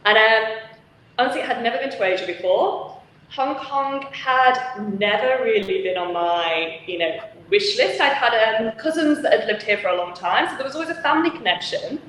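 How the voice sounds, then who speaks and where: Her voice is on the high side, animated and fairly bright, at a moderate pace. She's a Manchester woman who founded a charity, chatting frankly and laughing a lot as a guest in a conversational video-call interview. The sound comes from an echoey charity office with volunteer lockers, with faint background noise.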